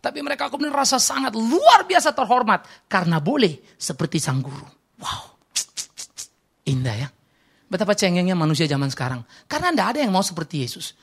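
A man preaching a sermon as pastor, telling stories with quoted dialogue and swinging between loud exclamations and quiet confiding asides. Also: high voice, big pitch swings, a little fast, creaky, breathy edge.

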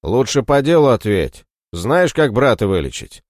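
A man's voice: mid-range voice, big pitch swings, moderate pace, no room sound, studio quality. A man voicing a hard, menacing young male warrior who speaks bluntly and threatens in an audiobook story. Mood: grim.

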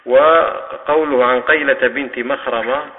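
A man's voice: mid-range voice, fairly even intonation, unhurried, a little hiss or hum. A man with an Algerian Arabic accent, a mosque teacher giving a hadith commentary lesson, patiently explaining terms and coaching students to demonstrate. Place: mosque hall. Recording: tinny lo-fi recording with long mosque reverb.

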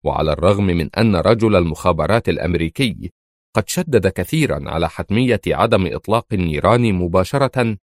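A man narrating a thriller novel as an audiobook in a measured storytelling way. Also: sits low, expressive, dry recording, clean studio sound.

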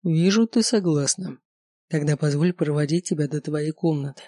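A reader voicing a possessive young male werewolf alpha in an audiobook, speaking calmly and insistently. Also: mid-range voice, moderate pace, no room sound, clean studio sound, close to an everyday voice. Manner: calm, insistent. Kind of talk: audiobook character voice.

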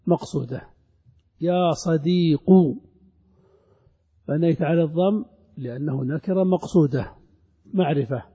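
Arabic grammar teacher in an echoing hall. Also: male voice, a little high, warm tone, slightly rough, dull audio. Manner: recites verse and examples slowly, then explains. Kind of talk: classical grammar lesson.

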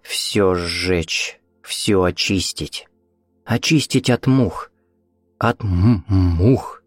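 A man voicing a creepy grandfather spirit in an audiobook, speaking in a hoarse, rough voice that stutters. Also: sits low, drawn-out words, no room sound, clean studio sound, soft background music, full character voice. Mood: menacing.

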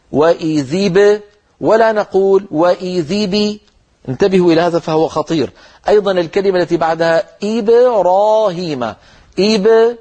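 Husky-voiced man teaching Quran recitation. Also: a little high, a little mellow. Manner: explains rules, then demonstrates words slowly.

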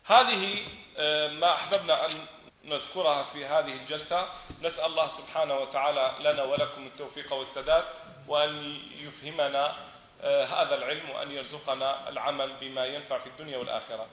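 A man's voice: a little high, fairly even intonation, quick pace, fairly bright tone, slight background noise. A man teaching a religious lesson on inheritance law, patiently repeating words and reciting verses. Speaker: Islamic teacher. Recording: echoey hall, dull lo-fi sound.

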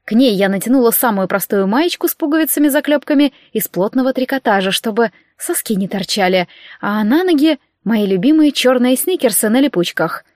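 A woman narrating a novel in first person with lively, wry storytelling. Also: on the high side, brisk, no room sound, studio quality. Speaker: audiobook narrator.

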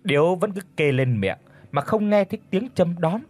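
A man narrating a folk tale audiobook in an expressive storytelling manner. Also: high-pitched, moderate pace, dry recording.

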